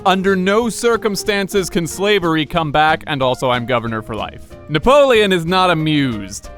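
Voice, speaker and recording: A man's voice: sits high, a bit bright. A man narrating a history video in a scripted, comedic way, full of sarcastic and irreverent asides.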